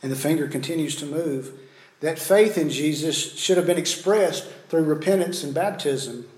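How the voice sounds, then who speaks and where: A man's voice: fairly high pitch, normal speed, a little mellow. A man preaching a sermon, telling a judgment story and citing scripture verses. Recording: roomy echo.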